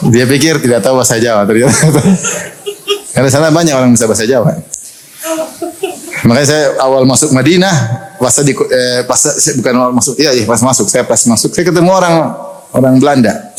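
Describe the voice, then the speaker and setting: A man's voice: mid-range voice, brisk, crowd noise. A middle-aged man preaching a sermon to a lecture-hall audience, telling stories with jokes and laughter. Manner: lively storytelling with jokes and laughter.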